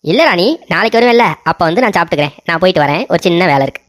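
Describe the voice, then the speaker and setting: A woman's voice: on the low side, lively intonation, rapid-fire, music in the background, natural voice. A woman voicing a lovesick young male king who is brash and taunting in a cartoon story. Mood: cocky. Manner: cocky, taunting.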